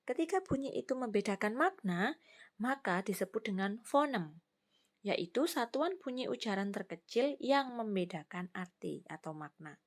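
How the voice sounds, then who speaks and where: A woman's voice: medium pitch, sing-song, normal speed. A woman giving a recorded lecture, explaining patiently with examples and fillers.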